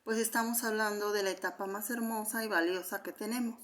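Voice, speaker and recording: A woman's voice: mid-range voice, fairly even intonation, brisk, a bit bright. Woman, teacher, patient, methodical, explaining a review quiz. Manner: patient, methodical, addresses the class.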